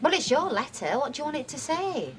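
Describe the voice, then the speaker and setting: A woman's voice: high voice, big pitch swings, brisk, crowd noise. An actress playing a supportive daughter in a TV drama who coaxes her father along. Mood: coaxing. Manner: supportive, coaxing. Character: supportive young adult daughter. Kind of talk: TV soap drama.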